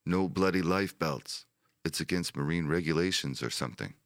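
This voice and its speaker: A man voicing a nervous soldier yelling above the noise of battle in an audiobook reading. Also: sits low, moderate pace, no echo, studio quality, pitched above the performer's own voice.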